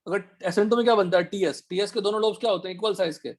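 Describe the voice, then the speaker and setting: Man, teacher, high-pitched, husky, online lesson, quick questions to students. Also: darkish tone. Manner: quizzing students with rapid questions. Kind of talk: online chemistry class, Hindi mixed with English.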